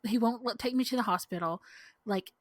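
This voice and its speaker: A young woman, co-hosting a podcast and telling a story in casual chat, animated and full of "like", acting out what people said. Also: fairly high pitch, brisk, no room sound. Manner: animated, heavy use of "like", acts out quotes. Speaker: podcast co-host. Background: dog barking outside.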